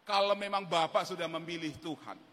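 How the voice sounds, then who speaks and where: Guy playing a serious pastor, bright firm voice, lots of church echo. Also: a little high, steady tone, brisk, close to an everyday voice. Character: earnest middle-aged male pastor, firm. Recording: echoey church hall.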